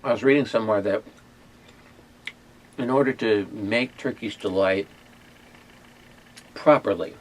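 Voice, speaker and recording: Halting low-voiced man hosting a taste test. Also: slight background noise. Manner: hesitant, many fillers and restarts. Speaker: ministry owner and host. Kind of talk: casual chat and taste test.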